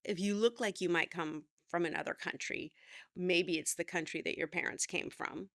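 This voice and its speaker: A woman's voice: fairly low pitch, moderate pace, a bit bright, dry recording, clean studio sound. A middle-aged woman teaching acting, chatty and encouraging as she talks to the camera. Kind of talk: talking-to-camera acting lesson.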